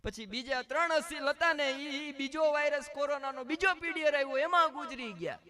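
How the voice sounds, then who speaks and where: A man's voice: extremely high pitch, moderate pace, bright, forceful tone. A man telling comic stories as a stand-up comedian, switching into quoted voices. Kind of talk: stand-up storytelling.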